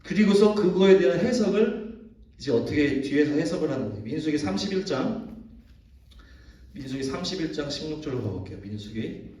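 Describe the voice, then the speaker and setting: Animated man preaching in an echoey room. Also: a little high, fairly quick, slight background noise. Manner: animated storytelling, acts out characters' lines. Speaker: pastor. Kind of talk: Bible study sermon. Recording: echoey room, mic far off.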